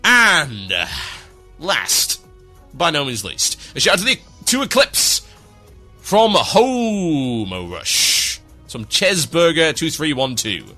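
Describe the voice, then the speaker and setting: A man hosting an online radio show, rattling off listener shout-outs with dry sarcasm and mock grandeur. His voice is fairly high and bright, and it swings widely up and down in pitch. Soft music plays underneath. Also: wildly swooping pitch, slow.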